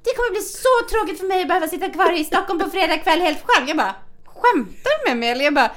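High-voiced woman telling a lively story. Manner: animated, swears a lot, acts out quoted dialogue. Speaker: podcast co-host. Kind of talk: casual storytelling chat.

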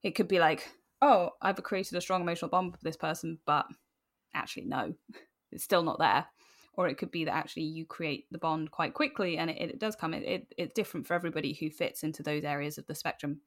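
Speaking briskly in a low-pitched voice, this British podcast guest keeps things casual and lively. She pokes fun at herself and frequently performs little bits of imagined conversation.

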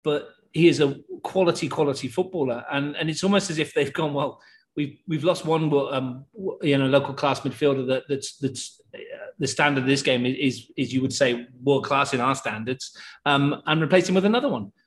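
A man giving his read on a football team in a relaxed podcast conversation. He talks in a measured, analytical way at an ordinary pitch. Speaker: football pundit. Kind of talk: casual podcast chat.

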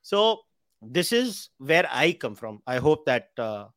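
Taking it slowly, a very animated Indian podcast host talks conversationally and with emphasis in an interview, candidly moving back and forth between English and Hindi. His mid-range voice has a fairly bright tone. There's no echo on the recording.

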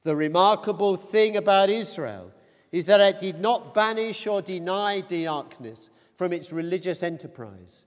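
A man with a high, light voice preaches a sermon at an unhurried pace. He speaks in a measured, deliberate way, lifting his voice on quoted cries. His words ring with the long reverb of a large church hall.

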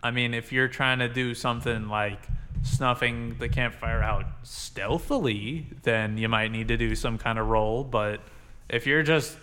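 A man's voice: mid-range voice, a little slow, sharp tone. A man playing a tabletop game, chatting casually and explaining rules to the group.

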